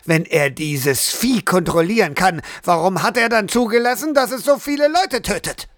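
Aggressive guard captain, commanding and accusing, read by a man, pushed high and dry. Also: expressive, moderate pace, fairly bright tone, no room sound.

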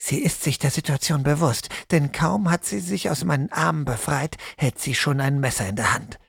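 A man narrating a first-person story in a measured, sombre audiobook manner. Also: a little high, vocal fry, slightly rough, dry recording, studio quality.

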